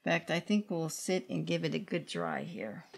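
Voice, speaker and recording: Her voice is low with vocal fry and big swings in pitch, moving at a moderate pace. This middle-aged woman gives an unscripted, step-by-step watercolor tutorial at a worktable in an indoor studio, talking in brief, sparse phrases while she paints.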